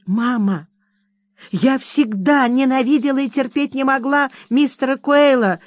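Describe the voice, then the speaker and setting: A woman's voice: medium pitch, big pitch swings, unhurried, darkish tone, no room sound. Woman doing a sobbing young daughter. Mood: tearful. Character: tearful young daughter, engaged girl.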